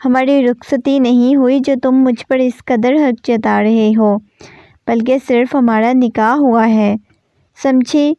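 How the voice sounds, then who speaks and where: A proud, defiant young woman from a romance novel snaps back sharply, read by a woman narrator. The voice is fairly high and mellow, and the recording sounds dull and lo-fi. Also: fairly even intonation, dry recording, lightly acted.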